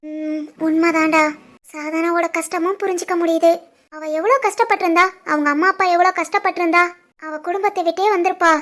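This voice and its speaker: A woman voicing a soft-spoken, caring young wife. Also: very high voice, fairly even intonation, fairly quick. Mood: concerned. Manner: soft, concerned and reflective. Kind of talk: animated family drama voice acting.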